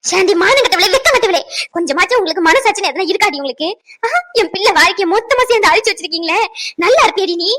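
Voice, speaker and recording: A woman voicing a distraught middle-aged mother who swings from wailing to shouting threats, in a Tamil cartoon dub. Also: very high voice, lively intonation, very fast, dry recording, full character voice. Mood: furious. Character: distraught middle-aged mother, fierce to her daughter-in-law.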